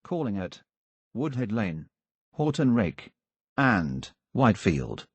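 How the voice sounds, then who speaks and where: A man giving automated train announcements, his words spliced together so the loudness jumps from one word to the next, each word set apart. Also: on the low side, very animated, takes it slowly, husky. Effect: spliced together words, jumping loudness between words. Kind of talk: recorded public announcements.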